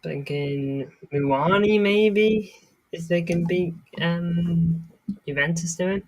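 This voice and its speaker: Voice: mid-range voice, steady tone, slow pace, rough recording. A livestream host giving casual, off-the-cuff live football commentary while watching a match.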